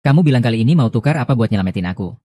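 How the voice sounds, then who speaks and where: A man's voice: mid-range voice, lively intonation, very fast, mellow, dry recording, natural voice. A man dubbing a cold, aloof young male lead in a drama, speaking curtly and with scorn. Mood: dismissive. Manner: curt and scornful. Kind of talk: dubbed drama acting.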